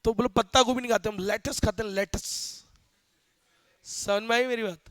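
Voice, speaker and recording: A young male teacher lecturing a class in an animated, joking way, often quizzing students, with phrases. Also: extremely high pitch, moderate pace, no echo. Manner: animated, asks students questions, jokes.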